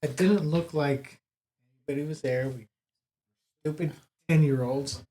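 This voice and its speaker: A man's voice: fairly high pitch, unhurried, warm tone. A middle-aged man from Texas telling stories as a podcast co-host, laid-back and swearing freely. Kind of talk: casual chat, storytelling.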